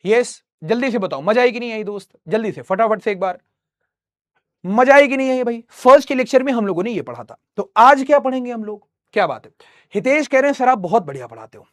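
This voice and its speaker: Chatty math teacher, dry sound. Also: male voice, very high voice, animated, a little fast, no room sound. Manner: banters with chat, teasing. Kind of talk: live online class with chat.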